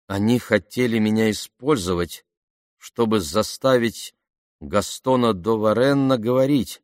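A male audiobook reader gives us a wary young woman fleeing captivity in wartime, in a storybook reading. She answers quietly and picks her words with care. The voice sits low and is recorded close and dry. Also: sing-song, a little slow, dry recording, exaggerated voice. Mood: guarded.

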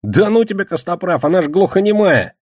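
A man doing a high, jumpy young informant. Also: fairly quick, dry recording, clean studio sound, close to an everyday voice. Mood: indignant. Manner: high, excitable, defensive. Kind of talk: audiobook character voice.

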